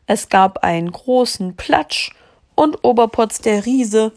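A woman reading a children's storybook aloud to a child, calm and gently expressive. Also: on the high side, slow pace.

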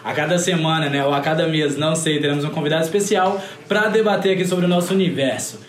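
A man's voice: fairly high pitch, quick pace. A man hosting a podcast, greeting listeners and chatting in a laid-back, slangy way. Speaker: podcast host. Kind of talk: casual chat. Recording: roomy, faint background noise.

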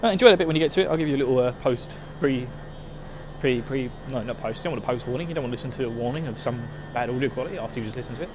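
Medium pitch, racing delivery: a gaming show host from Essex, England chatting to listeners in a rambling, informal, jokey manner with plenty of swearing. He has an Estuary English accent and slightly slurred, lazy diction. Recorded on a handheld phone while walking through urban surroundings outdoors, with traffic noise throughout.

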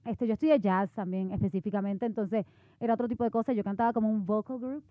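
Mujer puertorriqueña que habla rapidísimo. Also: female voice, medium pitch, dry recording. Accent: Puerto Rican Spanish. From Puerto Rico. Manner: lively, laughing, mixes in English words. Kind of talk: casual chat. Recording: phone-like, dry sound.

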